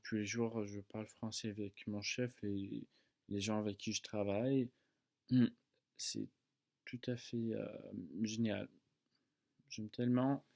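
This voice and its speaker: A man in his early twenties from the United States speaks non-native French with an American accent, casually and haltingly, searching for words and correcting himself. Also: on the low side, creaky, a little mellow. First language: English. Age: early 20s. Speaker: student video maker. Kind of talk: casual talk to camera.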